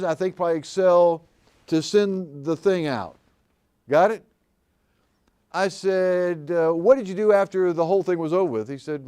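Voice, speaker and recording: An older man with a slightly high, mellow, smooth voice teaches commercial real estate agents at a live seminar. He addresses the audience with folksy stories and questions for the room.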